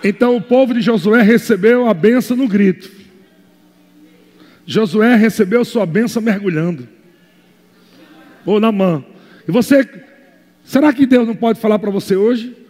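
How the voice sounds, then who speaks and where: High-voiced Brazilian pastor preaching fervently. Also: male voice, moderate pace, long pauses, big-room sound. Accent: Brazilian Portuguese. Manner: impassioned preaching that swings between quiet asides and shouted exhortation. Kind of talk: fervent sermon.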